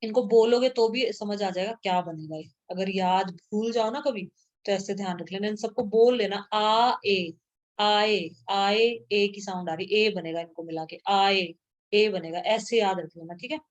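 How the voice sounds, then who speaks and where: A woman's voice: mid-range voice, normal speed, darkish tone, dull audio. A woman teaching a grammar lesson to a class, patiently repeating sounds aloud and checking that students follow.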